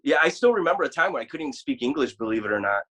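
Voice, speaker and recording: A man from Poland with a Chicago accent tinged with Polish, a guest guitarist telling road stories in a casual interview, lively and acting out what people said. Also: medium pitch, rapid-fire. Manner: animated storyteller who acts out quotes.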